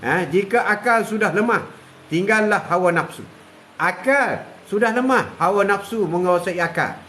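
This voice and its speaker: An older man preaches. His voice sits high, and he repeats key phrases, drops a steady "ha" between lines, and chuckles now and then. A faint ambient hiss sits underneath. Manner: repetitive, drawn-out, punctuated with "ha" and chuckles. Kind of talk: live religious talk.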